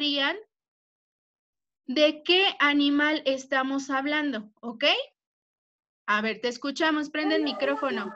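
A woman's voice: high voice, pushed and bright. A young woman teaching an online primary class. She spells words out patiently, checks in with "ok?" after each point and speaks fondly to the pupils. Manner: affectionate with pupils. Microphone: computer mic on a video call. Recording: dull lo-fi video call audio.

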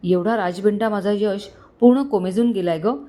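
A woman voicing an affectionate older mother-in-law in a storybook, gentle and sorrowful. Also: medium pitch, normal speed, close to an everyday voice. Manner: affectionate, warm-hearted. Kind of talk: storybook dialogue.

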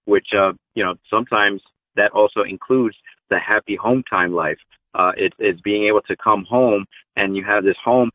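A man's voice: on the low side, no echo. A man in his forties, a truck driver guest, talking earnestly with many fillers over a video call. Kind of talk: casual interview talk. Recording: tinny phone line.

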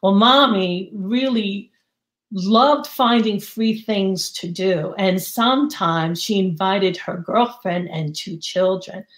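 A woman's voice: mid-range voice, takes it slowly. Theatrical woman storyteller, echoey room. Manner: lively, theatrical storytelling with voices. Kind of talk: told personal story for an audience.

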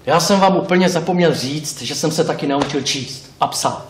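A man playing a talkative, wistful male pig who rambles, corrects himself, speaks straight to the audience and bursts into indignant shouts, on a theatre stage. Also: on the high side, distant mic, slight background noise, lightly acted. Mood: pleading. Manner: rambling, self-correcting, addresses the audience directly. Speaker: stage actor. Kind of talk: live stage monologue. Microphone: distant room mic. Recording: roomy live stage recording from afar.

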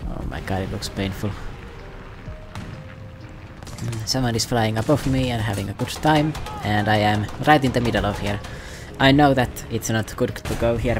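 A man giving casual, self-mocking, rambling commentary over his gameplay. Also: fairly low pitch. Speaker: gaming commentator.

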